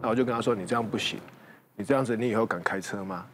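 Fast-talking male doctor telling a case. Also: fairly low pitch, a bit bright, soft background music. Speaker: doctor on a medical talk show. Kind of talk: recounting a patient case.

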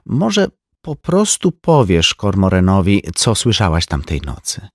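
An earnest, anxious man, hesitant and soft-spoken, played by a narrator. His pitch moves a lot within a phrase. The sound is dry and close. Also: wildly swooping pitch, unhurried, no room sound, exaggerated voice.

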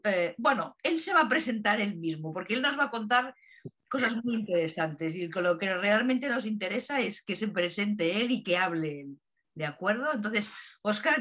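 A woman's voice: mid-range voice, sharp tone. A woman hosting an interview, speaking loosely and hesitantly with many fillers. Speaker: interviewer, host. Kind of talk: casual interview.

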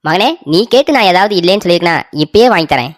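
A woman's voice: on the low side, expressive, rapid-fire, lightly acted. A woman voicing a sentimental, doting elderly father in a cartoon story, talking with melodramatic, pleading emotion.

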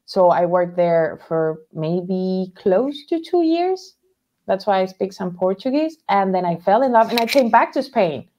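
A woman's voice: medium pitch, sing-song, a little slow, mellow, dull audio, a little hiss or hum. A woman in her thirties from Venezuela, a guest telling her story in a casual interview over a video call, laughing often. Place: home workroom, indoors. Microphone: headset on a video call.

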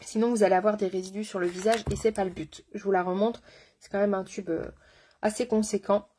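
A woman's voice: mid-range voice, steady tone, brisk, mellow, a little hiss or hum. A woman makeup artist giving a live makeup tutorial, chatty and slangy, greeting her viewers with pet names. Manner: slangy, enthusiastic.

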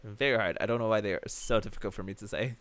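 A tired let's play host who gives casual gameplay commentary late at night. They react loudly to the action and often stumble over their words. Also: medium pitch, racing. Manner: excitable, with sudden loud reactions and frequent stumbles over words. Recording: game music playing underneath.

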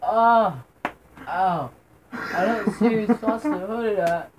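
A man's voice: sits high, measured pace. A young man chatting casually during a challenge with a pinched-nose, congested sound, groaning and swearing in pain. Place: small dim room indoors. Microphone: camera a short distance away. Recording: noisy home camera audio.

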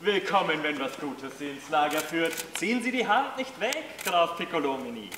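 A man's voice: on the high side, lively intonation, moderate pace, close to an everyday voice. An actor playing a formal nobleman in a war camp, declaiming theatrically in classical open-air drama. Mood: formal, urgent. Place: outdoor stone courtyard stage. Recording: echoey courtyard with clear noise.

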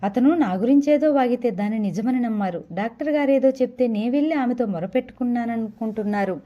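A woman's voice: fairly high pitch, brisk, lo-fi sound, lightly acted. A woman reading the part of a young wife under twenty-five, stubborn and pleading by turns. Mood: defiant. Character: young wife under 25, longing for a child, defiant.

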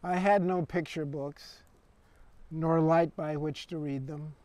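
A man poet reading a poem in the voice of a lonely young man once confined in a dark basement, measured and reflective. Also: on the high side, fairly even intonation, dry recording. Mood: wistful. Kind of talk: poetry reading.

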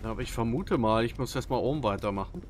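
A man's voice: mid-range voice, fast, a little hiss or hum. A man giving casual gameplay commentary into a headset, sometimes reading on-screen text aloud. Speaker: let's player. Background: faint game music.

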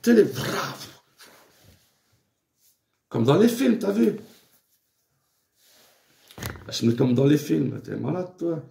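Gravelly, lively talking man. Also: on the high side, unhurried, echoey room. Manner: slangy, mixes in Arabic phrases, repeats words. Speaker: father addressing his daughter. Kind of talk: casual rambling monologue.

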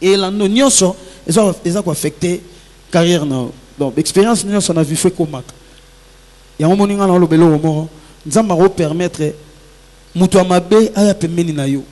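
A man's voice: high-pitched, moderate pace, a little mellow. A man who is a musician guest, talking earnestly and reflectively in a casual interview, giving advice. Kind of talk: casual interview talk mixing Lingala and French. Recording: long hall reverb with faint music.

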